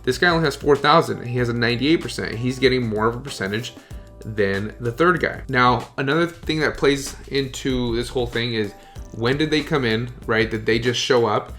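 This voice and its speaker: Man, mid-pitched, casual online seller coach, conversational tutorial delivery, faint guitar music underneath. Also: brisk, fairly bright tone. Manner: casual, repeats "okay?" and "you guys". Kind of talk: screen-share tutorial.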